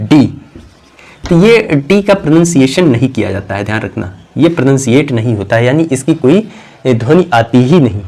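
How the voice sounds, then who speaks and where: A man's voice: on the high side, a little mellow. Man teaching, quizzing himself aloud. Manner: asks questions and answers them himself, repeats key words; clears his throat now and then. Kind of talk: classroom grammar lesson.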